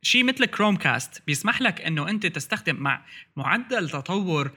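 A man's voice: a little high, big pitch swings, quick pace, bright, forceful tone, husky. A man with a Levantine Arabic accent chatting casually about tech as a podcast host, mixing English terms into his Arabic.

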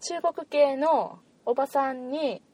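A woman with a Kansai accent, co-hosting a casual podcast chat and explaining things in a lively way. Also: sits high, slow. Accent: Kansai Japanese. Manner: lively, animated explaining with laughs. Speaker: podcast co-host.

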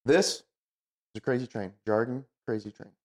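A man's voice: mid-range voice, normal speed. A man giving casual hands-on instruction as an expert, in a plain-spoken, informal way. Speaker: goose calling expert, instructor.

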